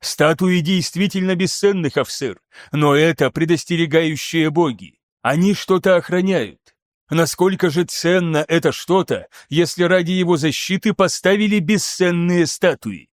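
An animated, theatrical scholar who presses his point with insistent flair, read by a man. The voice sits a little high and sounds close and dry, as in an audiobook reading. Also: moderate pace, no room sound, natural voice. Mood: exasperated, urgent. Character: excitable theatrical male scholar, lecturing.

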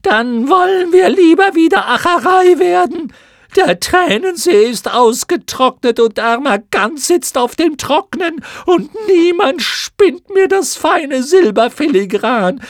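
A man voicing a swarm of clownish moth creatures in an audiobook, with a shrill, screeching, mocking manner. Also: expressive, slow pace, dry recording, clean studio sound, full character voice. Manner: mocking, rowdy chorus. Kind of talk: audiobook character voice.

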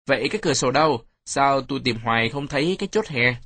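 A man's voice: medium pitch, expressive, fast, sharp tone, no room sound. A man voicing a strong, jovial grown man who teases a child in a storybook reading. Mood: teasing. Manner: teasing, playful.

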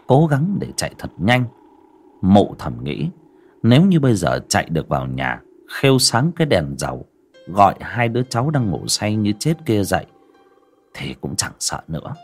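Low, husky male horror narrator. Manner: dramatic, expressive storytelling.

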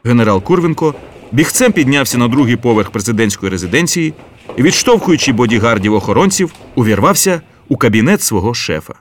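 A man narrating an audiobook in an expressive, lively reading. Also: medium pitch, brisk, slight background noise. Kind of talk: scripted narration.

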